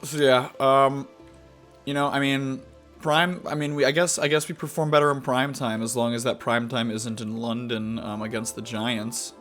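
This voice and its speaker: Rambling young man with halting fillers. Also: mid-range voice, flat delivery, a bit bright, faint music behind. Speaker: gaming video host. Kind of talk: casual gameplay commentary.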